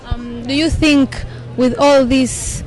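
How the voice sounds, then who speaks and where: A woman with a slightly high voice poses careful, deliberate questions to a passer-by. A faint crowd murmurs in the background. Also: steady tone, a little mellow, low-quality recording. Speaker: interviewer. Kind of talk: street interview questions.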